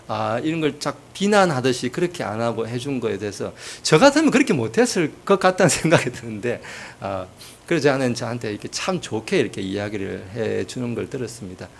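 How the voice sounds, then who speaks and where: A man's voice: medium pitch, creaky. A man preaching a sermon as pastor, telling humorous family stories with acted quotes.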